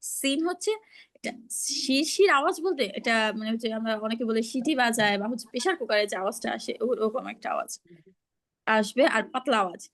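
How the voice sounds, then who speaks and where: A woman's voice: a little high, brisk, fairly bright tone. A woman teaching pronunciation in an online class, patiently explaining and modeling each sound over a video call.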